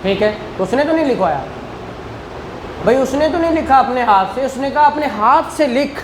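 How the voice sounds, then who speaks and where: A man with an extremely high-pitched, animated voice and a Pakistani accent teaches law at a normal pace, reading statute and working through it step by step. He often pauses to confirm listeners are following, and the room's background noise comes through clearly.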